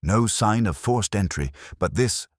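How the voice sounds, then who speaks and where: A man's voice: fairly low pitch, lively intonation, a little slow, no room sound, clean studio sound, pitched above the performer's own voice. A man reading the part of an irritated, blunt Victorian police inspector in an audiobook, clipped and matter-of-fact. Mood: tense, troubled. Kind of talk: audiobook character dialogue.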